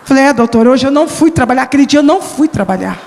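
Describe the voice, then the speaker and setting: A woman missionary giving an emotional sermon testimony, shouting at the peaks and drawing out slow phrases. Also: high-pitched, animated, gravelly. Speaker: missionary preacher. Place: church hall. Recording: long hall reverb.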